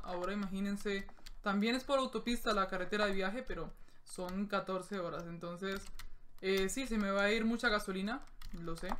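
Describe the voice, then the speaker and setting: A young man in his late teens from Colombia, chatting through live gameplay commentary and bursting into excited yells and swearing during fights. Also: sits high, a little hiss or hum. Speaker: gaming youtuber.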